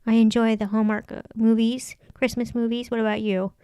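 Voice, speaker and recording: Clear, higher-voiced woman chatting through crafts. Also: level tone, fairly quick, mellow, no room sound, clean studio sound. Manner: chatty, thinking aloud. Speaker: craft vlog host. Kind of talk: casual planner tutorial narration.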